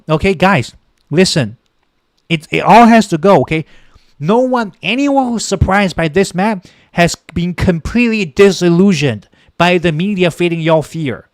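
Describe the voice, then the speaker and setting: In a dry recording, a man with a high-pitched voice hosts a political livestream and delivers a heated, impassioned rant. He repeats himself often and thanks viewers in the chat by name.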